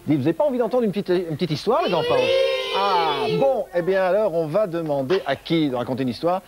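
A man hosting a children's TV show, coaxing the kids in an animated way. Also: high voice, quick pace, over loud music. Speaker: TV host.

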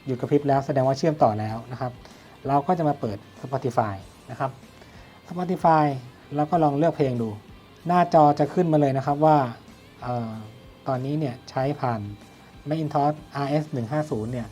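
With music playing behind him, a man explains an audio product in a review, posing his own questions and then answering them. His voice is a little high and warm, delivered at a normal speed.

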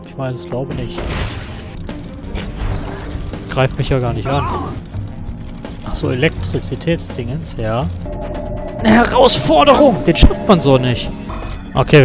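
A man with a medium-pitched voice hosts his own gaming channel. His let's play commentary is excitable and slangy, and he swears often.

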